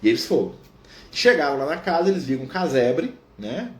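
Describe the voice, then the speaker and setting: A man leading a Spiritist study, telling a story in an animated way and tagging almost every phrase with a questioning "right?". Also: on the high side, a little fast. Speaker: Spiritist study group leader. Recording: echoey room with faint noise.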